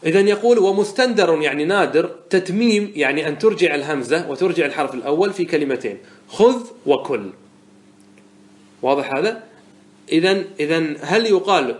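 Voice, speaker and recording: In a classroom lecture on a didactic poem, a man with a fairly high, animated voice teaches Arabic morphology a little fast. He patiently explains the verses step by step, asks rhetorical questions to check understanding, and repeats or restarts words while thinking aloud.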